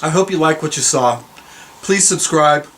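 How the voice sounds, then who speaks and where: A man hosting a video series chats casually and informally, speaking straight to his viewers as he introduces a reading. His voice is a little high and fairly bright, at a moderate pace.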